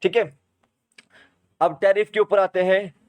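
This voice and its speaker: A young man with a Himachal Pradesh Indian accent teaches an exam prep lesson. He spells each word out letter by letter, at a slow and careful pace. His voice sits a little high for a man. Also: fairly even intonation. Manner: spells words out letter by letter, then repeats them.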